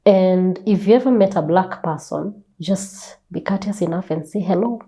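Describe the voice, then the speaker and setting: Speaking at normal speed with a low, dark-toned voice, a Kenyan woman appears as a guest author in a conversational interview. Her storytelling is lively and emphatic, marked by repeated phrases and rhetorical questions.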